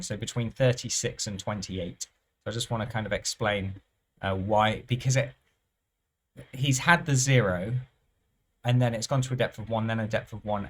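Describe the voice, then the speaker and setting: Man musing over live roulette. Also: fairly low pitch. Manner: musing, unhurried, trails off and restarts phrases. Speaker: roulette strategy presenter. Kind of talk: thinking-aloud commentary over live play.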